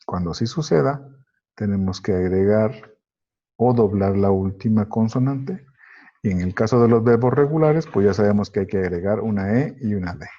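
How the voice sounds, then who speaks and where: A man whose first language is Spanish leads a grammar lesson, walking through each sentence slowly and methodically. His voice is low, mellow and a little husky. The recording sounds dull and lo-fi. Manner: slow, methodical, explains step by step. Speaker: English teacher.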